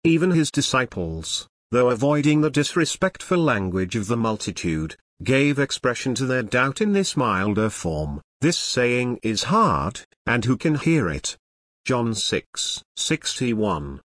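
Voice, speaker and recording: A man reading a religious book aloud, measured and earnest, slowing down for each scripture citation. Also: mid-range voice, dry recording, clean studio sound. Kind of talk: audiobook reading of apologetics.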